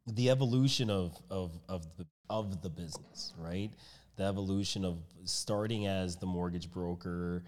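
A male podcast host with a very low voice keeps the chat moving. He backs up his guest with quick agreements and then asks thoughtful follow-ups. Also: darkish tone. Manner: agreeable, chiming in with short affirmations. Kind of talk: casual podcast conversation.

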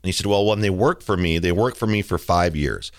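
Deep-voiced chatty man hosting a podcast. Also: fairly quick, no echo, studio quality. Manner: chatty, jokey storytelling with fillers. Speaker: podcast host. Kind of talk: casual podcast monologue.

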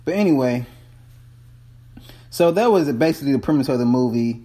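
A man's voice: medium pitch, lively intonation, normal speed, mellow. A man rambling casually and profanely about a movie, a bit out of breath as he climbs the stairs of a townhome while holding his phone. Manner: loose, profane, chatty, restarts often. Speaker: vlogger reviewing a movie. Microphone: phone held in hand.

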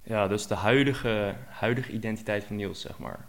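A man's voice: on the low side, moderate pace, creaky. A man in his twenties, a guest coach, tells his personal story frankly and openly.

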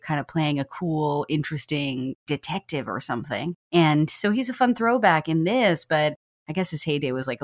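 A woman's voice: deep voice, dry recording, studio quality. A woman hosting a film podcast, giving a casual, enthusiastic movie review full of chatty asides. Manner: enthusiastic, chatty, frequent "like" and "you know".

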